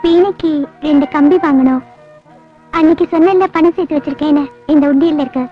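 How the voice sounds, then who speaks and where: A woman acting out a shy young woman in an old film, soft-spoken and hesitant. Her voice sits high. The soundtrack is dull and muffled, with faint music underneath. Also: a little fast, close to an everyday voice. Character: shy gentle young woman, veena player. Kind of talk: film dialogue.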